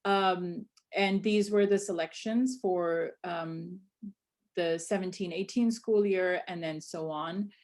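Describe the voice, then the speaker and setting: A woman's voice: fairly low pitch, steady tone, slow, a little mellow. A woman from Pakistan, an instructional coach, gives a conversational presentation to fellow educators, with frequent fillers and restarts.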